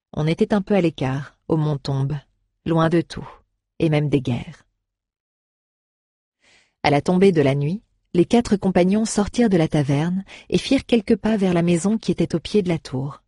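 A woman narrating a fantasy novel in a calm audiobook reading, close to the mic. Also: deep voice, no echo.

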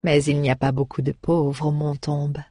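A woman narrating a fantasy novel in a calm audiobook reading, close to the mic. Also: sits low, normal speed, no echo.

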